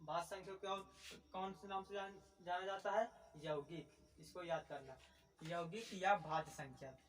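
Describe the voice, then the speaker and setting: A man teaching a maths lesson, asking questions and answering them himself, slowing down to dictate definitions. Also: high-pitched, fairly even intonation, recorded from a distance. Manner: repetitive, asks and answers his own questions; slow dictation while writing definitions.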